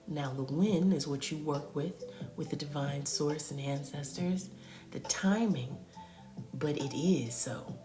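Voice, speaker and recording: A woman doing a live spiritual reading for viewers, soothing and affirming, often half-whispering and calling them pet names. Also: sits low. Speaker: spiritual reader on a live stream. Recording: echoey room with music behind.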